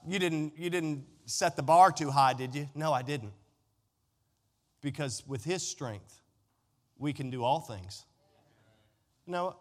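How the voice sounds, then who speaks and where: A pastor preaches a sermon to a congregation in a large indoor room, his voice sitting high and a bit bright. He speaks emphatically, addressing people directly in a folksy way and repeating phrases. The reverberant hall gives a long echo.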